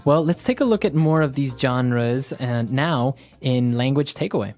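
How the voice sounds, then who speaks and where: A man's voice: medium pitch, expressive, moderate pace, darkish tone. A man co-hosting a casual English-lesson podcast, steering the talk with short prompts and questions. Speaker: podcast co-host.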